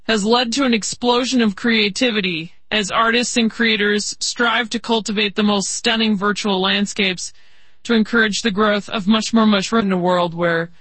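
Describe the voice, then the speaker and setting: A narrator telling an imaginative tale like a nature documentary, with theatrical, grandiose phrasing and hesitant pauses. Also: medium pitch, pushed and bright, breathy edge, no room sound.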